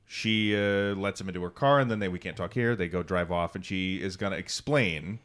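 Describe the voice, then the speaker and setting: A man co-hosting a casual movie podcast, retelling the plot with quick asides. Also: sits low, a bit bright. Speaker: podcast co-host. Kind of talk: casual movie-review chat.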